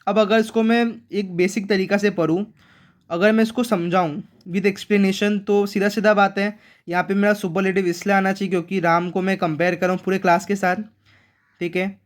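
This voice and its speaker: A man's voice: sits high, little pitch movement, normal speed. A man teaching an English grammar lesson in an online class. He repeats key words and asks his viewers questions.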